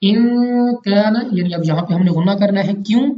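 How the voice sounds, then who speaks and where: A man's voice: high voice, moderate pace. A man teaches recitation rules patiently, walking through each point step by step and repeating it for his students. His voice rings in a roomy space. The recording sounds dull and lo-fi. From Pakistan. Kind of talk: step-by-step tajweed lesson.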